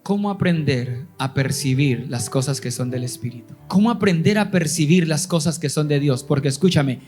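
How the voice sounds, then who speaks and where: A man, a pastor preaching a sermon with emphatic rises and stretched phrases, settling into a softer storytelling voice. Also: fairly high pitch, animated, moderate pace, over music.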